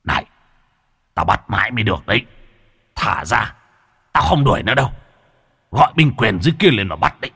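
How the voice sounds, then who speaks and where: A man voicing a quick-tempered smoke spirit who shouts fast, loud protests. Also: lowish voice, big pitch swings, creaky, breathy edge, long reverb tail, exaggerated voice. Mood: panicked blustering.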